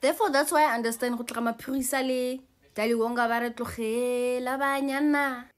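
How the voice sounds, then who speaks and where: A woman's voice: on the high side, steady tone, fast. A young South African woman with a South African accent giving a casual, teasing comic monologue. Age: young adult. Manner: chatty, teasing, mixing in local phrases.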